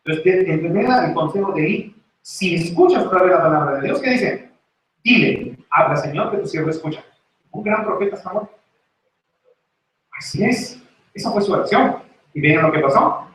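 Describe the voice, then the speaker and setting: A man preaching a lively sermon and acting out the voices in the story. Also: high-pitched, normal speed, pauses often, a little hiss or hum. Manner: animated, acts out voices in the story. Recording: very echoey church recording from far off.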